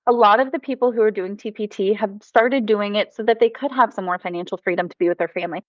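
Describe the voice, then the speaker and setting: This woman from the United States, a mother who used to teach, speaks fast and enthusiastically as a guest on a casual podcast. Her pitch is medium, and the audio is dry and dull.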